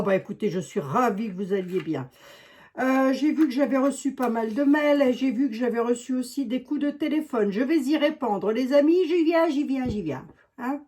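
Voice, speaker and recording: A woman's voice: a little high, a little mellow, slightly rough. An older woman with a Lorraine accent, a tarot reader chatting casually to her viewers in a rambling way, full of asides. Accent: Lorraine French.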